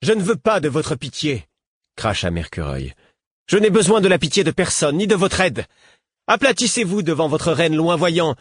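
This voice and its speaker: A man's voice: mid-range voice, animated, moderate pace, breathy edge, no room sound. A man voicing a proud, vengeful woman rebel who speaks sharply and defiantly in an audiobook. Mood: scornful.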